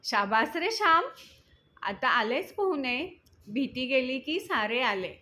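A woman's voice: sits high, sing-song, takes it slowly, bright, forceful tone, exaggerated voice. Woman reading as a patient young swimming teacher. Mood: cheering. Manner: patient, reassuring.

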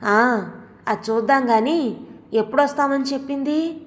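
A woman's voice: high voice, measured pace, pitched above the performer's own voice. A woman voicing a meek middle-aged husband who answers in a plain, mildly pleading way. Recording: long hall reverb.

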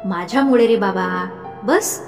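A woman plays an older mother figure in an audiobook story, coaxing and firm by turns. The delivery is slow and deliberate. The voice echoes in a reverberant room with faint music underneath. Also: medium pitch, a little mellow, lightly acted. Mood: pleading. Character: older mother figure, fond but insistent. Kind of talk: audiobook narration.

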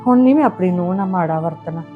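A woman's voice: on the low side, expressive, fast, phone-quality sound, over music, lightly acted. An actress playing a middle-aged mother-in-law who pleads with her daughter-in-law and keeps saying she is sorry. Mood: remorseful. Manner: pleading, repentant, affectionate. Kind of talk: Punjabi short film acting.

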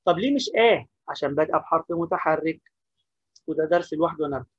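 Fast-talking Egyptian teacher, husky voice. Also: male voice, on the high side, lively intonation, no room sound, lo-fi sound. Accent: Egyptian Arabic. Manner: repeats key points, asks and answers questions himself. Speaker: English teacher. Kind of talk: classroom-style lesson explaining grammar.

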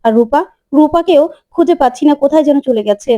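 A woman voicing a sharp-tongued aunt who argues back at her elder sister-in-law, reproachful and pointed. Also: high voice, fast, no echo, lightly acted.

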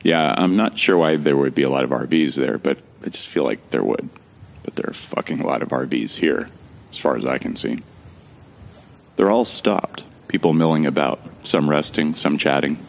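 In a sci-fi audio drama, the narrator and protagonist tells the story in first person with an extremely deep, gravelly voice full of fry. He's wry and casual, cracking jokes and swearing now and then, with an expressive delivery at a moderate pace.

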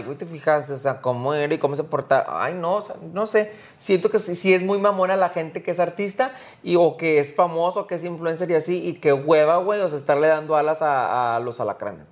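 Un hombre joven con acento mexicano, conductor de pódcast, que platica de forma expresiva, teatral y con muchas groserías. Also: male voice, a little high. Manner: campy, expressive, swears freely. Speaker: podcast host. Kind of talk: casual chat.

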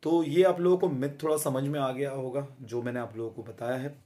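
Speaking in a medium-pitched voice that is dark and steady in tone, a fitness vlogger in his thirties gives a casual, friendly talk straight to camera. He pauses often with filler sounds and tag questions. The recording comes from a phone held close in a small room.

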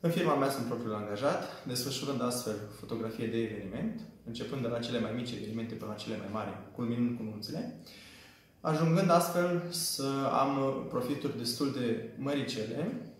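A man in his twenties from Romania, telling his story as a small business owner in an earnest, hesitant way with frequent fillers. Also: medium pitch. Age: 20s. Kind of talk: testimonial for a training video. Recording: very echoey room.

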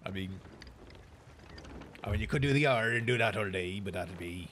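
A man with a fairly low voice talks through his gameplay in a relaxed, rambling way. He muses aloud to himself as he plays. Faint game ambience sits in the background. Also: normal speed, a little hiss or hum. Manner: chatty, musing aloud to himself. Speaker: game streamer. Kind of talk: casual gameplay commentary.

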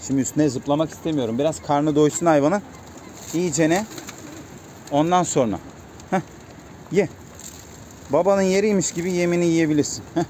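His voice is a little high and slightly mellow, moving at a normal pace broken by long pauses, as he casually vlogs at his coop and coaxes his pigeons with repeated calls. Slight background noise accompanies the cooing birds.

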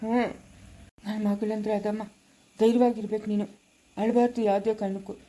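A woman playing a loving, worried elderly father who soothes his daughter gently and repeats himself in a family skit. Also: medium pitch, level tone, a little fast, close to an everyday voice. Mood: tender. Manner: gentle, soothing, repetitive pleading.

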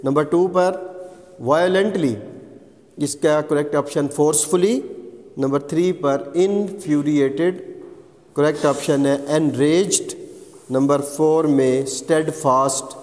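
A man's voice: a little high, fairly even intonation, a little mellow. A male English teacher, giving a recorded lesson and going through words one at a time. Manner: slow, deliberate, reads glossary word by word with Urdu meanings; reads English definitions very slowly. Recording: long hall reverb.

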